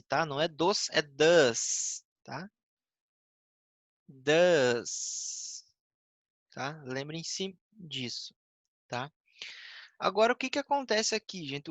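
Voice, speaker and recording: A Brazilian man teaching basic English grammar, patiently explaining step by step and reading example sentences slowly. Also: a little high, bright, forceful tone, no room sound. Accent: Brazilian Portuguese. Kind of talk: recorded grammar lesson.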